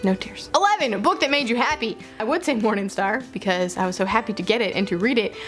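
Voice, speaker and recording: A woman with a mid-range, fairly bright voice talks fast in a casual, chatty vlog to camera as a book vlogger. She is playful and interrupts herself, gushing and repeating words, with soft background music playing.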